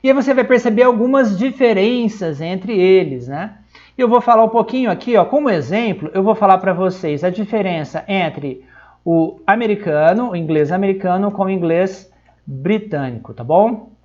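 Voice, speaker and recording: A man's voice: high voice, lively intonation, moderate pace, darkish tone, lo-fi sound. Chatty São man teaching online. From São Paulo, Brazil. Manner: chatty, checks in constantly with tag questions. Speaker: English teacher. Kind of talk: live-streamed online lesson.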